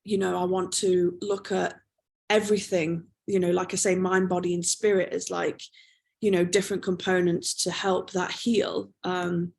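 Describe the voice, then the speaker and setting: A woman's voice: on the low side, level tone, normal speed, creaky, a little mellow. A woman practitioner explaining trauma release exercises as an interview guest, patient and explanatory, checking in with "okay?" and "you know".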